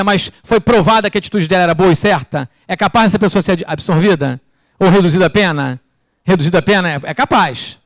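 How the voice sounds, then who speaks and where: High-pitched Brazilian pastor preaching. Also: male voice, no room sound, studio quality. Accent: Brazilian Portuguese. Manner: animated preaching, rhetorical questions to the congregation; swings between loud bursts and quiet low asides. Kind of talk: sermon. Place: church.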